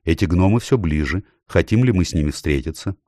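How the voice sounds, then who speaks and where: Male narrator as an anxious unicorn, urgent, quick. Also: deep voice, animated, warm tone, no room sound, studio quality. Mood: worried. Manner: urgent and worried.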